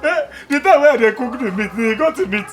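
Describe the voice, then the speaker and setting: An actor playing a defensive, gossiping tenant and cook in a Nigerian comedy film, speaking Nigerian Pidgin. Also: male voice, very high voice, lively intonation, fairly quick, a little hiss or hum. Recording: loud music behind the voice.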